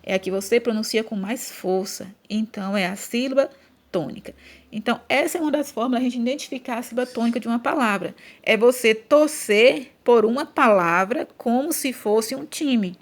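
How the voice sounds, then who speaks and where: A woman's voice: a little high, moderate pace. A woman with a Brazilian Portuguese accent teaching a grammar lesson for children, speaking patiently and stretching out syllables when she chants example words.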